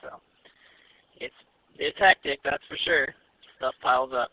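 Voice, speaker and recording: A man's voice: medium pitch, measured pace, no echo. Young man on a tinny radio link. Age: young adult. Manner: easygoing, teasing. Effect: heard over a radio transmission. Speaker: radio net check-in caller. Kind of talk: casual ham radio chat. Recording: tinny narrow-band radio audio.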